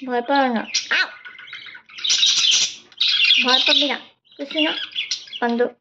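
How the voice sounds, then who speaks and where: A woman's voice: sits high, steady tone, slow pace. A woman, talking to her pet bird while she checks its chicks, scolding and coaxing it with repeated questions. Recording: dull audio with loud bird noise. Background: squawking budgerigars.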